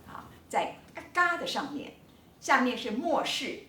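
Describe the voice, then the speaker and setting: Lively, bright-voiced woman lecturing. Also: on the high side, echoey room, distant mic, slight background noise. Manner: animated, emphatic explaining with drawn-out words. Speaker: linguistics professor. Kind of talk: recorded online lecture.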